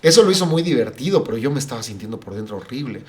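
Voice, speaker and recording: A man's voice: medium pitch, rapid-fire, crowd noise. A middle-aged man, a pastor and podcast guest, telling a personal story and acting out what others said. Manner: animated, acts out the dialogue of family and friends.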